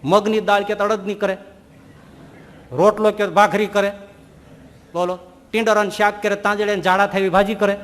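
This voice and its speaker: High-voiced preacher in a reverberant hall. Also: male voice, moderate pace, pauses often. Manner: animated storytelling, rhetorical questions, voices quoted figures. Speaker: Swaminarayan preacher. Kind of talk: sermon.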